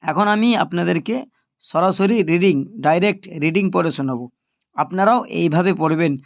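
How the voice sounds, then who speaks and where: A man with a fairly high voice teaches Quran reading, patiently sounding out letter by letter before joining the syllables. The recording is dry and close. His delivery is steady and instructive. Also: no room sound, highs cut off. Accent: Bangladeshi Bengali. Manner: patient, spells syllables slowly then blends them. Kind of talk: spelling-out recitation lesson.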